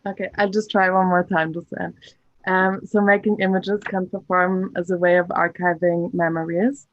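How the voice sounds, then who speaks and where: A woman gives her project presentation over a video conference call that drops out now and then. Her voice sits fairly low and stays even and flat, with many ums along the way. The call sound is dull and dry, with no room around it. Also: moderate pace, dry recording. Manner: hesitant, with frequent ums. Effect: video conference call audio that cuts out. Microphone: computer mic on a video call.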